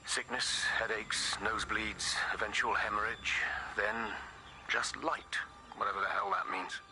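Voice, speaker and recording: A man's voice: lowish voice, steady tone, unhurried, background noise, close to an everyday voice. An actor playing a tense male official who insists an outbreak is contained. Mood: grim.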